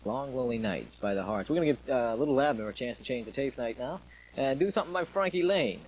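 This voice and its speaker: Upbeat military radio host, noisy old tape. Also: male voice, mid-range voice, expressive, fast talker, darkish tone. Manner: jokey, ad-libbed, conversational. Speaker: radio host, disc jockey. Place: small radio station studio.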